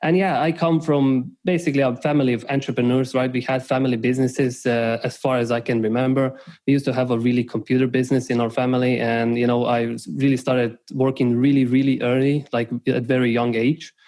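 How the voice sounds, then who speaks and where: A man's voice: mid-range voice, flat delivery, a little fast, darkish tone. A young man from Slovenia, a podcast guest, talking casually and rambling, with many restarts and "right?" tags. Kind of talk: casual interview talk.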